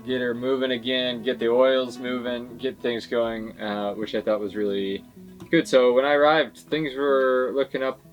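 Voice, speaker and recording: A man's voice: mid-range voice, level tone, normal speed, highs cut off. A man who vlogs about sailing, recounting events in a casual conversational way. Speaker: sailing vlogger. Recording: music playing behind.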